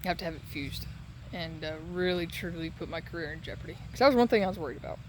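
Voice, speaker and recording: A man talking casually and haltingly in a solo update while recovering from surgery with a sore throat. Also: a little high, animated, slight background noise, poor audio. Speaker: patient giving a recovery update.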